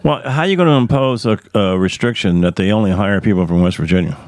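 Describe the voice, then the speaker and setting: A man hosting a radio talk show, asking probing questions in a relaxed conversational way. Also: lowish voice, quick pace, no room sound. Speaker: radio host.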